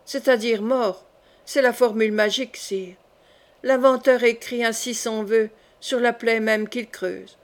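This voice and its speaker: Female reader doing a scheming queen mother, cold and insinuating, slightly high voice. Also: steady tone, measured pace, natural voice.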